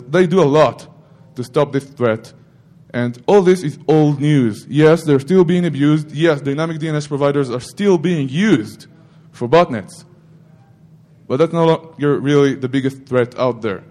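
A middle-aged man speaks in a somewhat high voice, rambling through an informal technical talk. He often stops to correct himself mid-sentence. He throws in joking asides to the audience. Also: dark tone. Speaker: security conference speaker.

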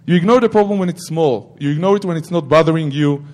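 A man's voice: a little high, fast talker, darkish tone. A middle-aged man giving an informal technical talk at a security conference, rambling with self-corrections and joking asides to the audience.

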